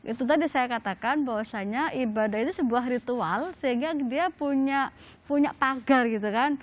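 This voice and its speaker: A woman's voice: sits high, normal speed, dull audio. A middle-aged woman, a religious teacher answering questions on a talk show, chatty and laughing often between many fillers. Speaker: Islamic religious teacher, guest.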